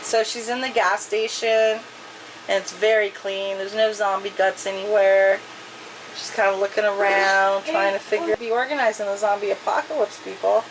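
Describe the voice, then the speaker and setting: A woman hosting a casual show, reading a viewer's story aloud and discussing it in an animated, joking way. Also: mid-range voice, normal speed, background noise. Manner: animated, exclaiming and joking between passages.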